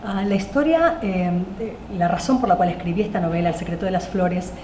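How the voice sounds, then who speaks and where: In an echoey room with faint noise, a novelist guest whose first language is Spanish fields panel questions haltingly, full of fillers and restarts. Her voice is lowish and mellow.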